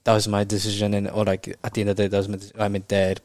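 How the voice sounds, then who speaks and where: Male guest from Japan, native Japanese speaker, low voice, dry close sound, halting casual talk peppered with Kiwi slang. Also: monotone, darkish tone, dry recording. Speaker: podcast guest, rugby player. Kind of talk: casual interview chat.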